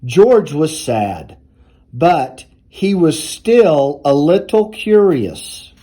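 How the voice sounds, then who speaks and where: A man reading a children's storybook aloud in a deliberate, expressive storytelling manner. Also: fairly high pitch. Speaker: university athletics director reading aloud.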